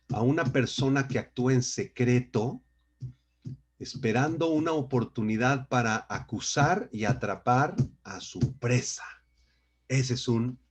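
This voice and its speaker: Man, pastor, husky voice, emphatic Bible lecture, video call, checks in with listeners. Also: medium pitch. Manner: emphatic, frequent rhetorical "¿sí?" checks. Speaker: pastor teaching a Bible class.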